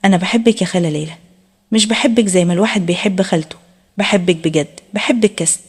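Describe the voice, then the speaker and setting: A woman's voice: on the low side, quick pace, breathy edge. Woman voicing a shy, earnest young Egyptian man. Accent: Egyptian Arabic. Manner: soft, earnest and pleading.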